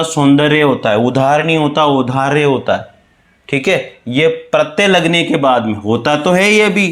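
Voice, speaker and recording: A man teaching an exam-prep Hindi spelling lesson, spelling each word slowly and calling his students "bhai". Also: a little high. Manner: explains slowly, repeating words, addresses students as "bhai".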